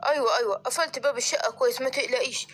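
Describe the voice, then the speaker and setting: A woman's voice: high-pitched, very fast, fairly bright tone. A woman with an Egyptian accent voicing a kind father lion who reassures his wife in a children's story. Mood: reassuring. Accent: Egyptian Arabic.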